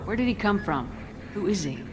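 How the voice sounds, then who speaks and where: A woman's voice: expressive, fairly quick, close to an everyday voice. A woman playing a cool, direct space soldier commander in a video game, asking terse, probing questions. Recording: rumbling noisy background.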